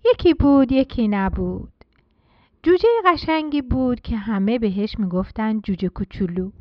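A woman's voice: on the high side, dry recording, muffled recording. A woman hosting a children's program, reading a storybook aloud in a sing-song storyteller manner, speaking to the kids.

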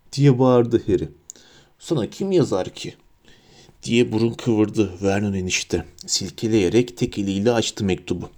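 Male audiobook narrator, mellow, dark tone, steady expressive reading. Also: medium pitch.

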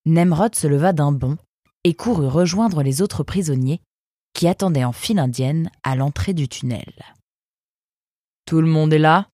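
A woman narrating a storybook in a measured, unhurried way. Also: low-pitched, dry recording, studio quality. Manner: measured, even, unhurried reading.

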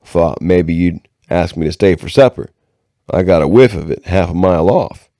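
Man putting on a scruffy, sly frontier drifter: deep, warm, drawling backwoods talk, close and dry. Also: normal speed, no echo. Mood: sly, friendly. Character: heavyset ragged frontier man, sly and folksy.

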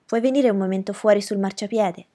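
A woman voicing an anxious, insistent young boy who speaks higher and louder than her narration. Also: fairly quick, natural voice. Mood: urgent. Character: urgent boy, older brother, anxious and insistent.

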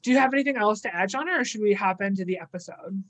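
A woman's voice: medium pitch, racing, low-quality recording. A woman co-hosting a podcast, chatting casually through an episode recap with lots of "like" and little acted-out quotes. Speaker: podcast co-host.

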